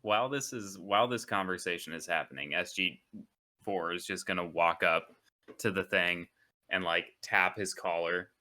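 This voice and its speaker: A man with a very low but bright voice talks through his character's moves at a tabletop game. He rambles and leans heavily on fillers. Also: moderate pace. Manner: rambling, full of "like", describing his character's actions. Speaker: player. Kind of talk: casual tabletop play.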